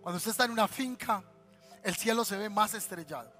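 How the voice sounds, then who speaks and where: A Colombian male pastor preaching a sermon, telling stories in a lively, colloquial way and speaking straight to his listeners. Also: high-pitched, brisk, soft background music. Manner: storytelling, lively and colloquial, addressing listeners directly.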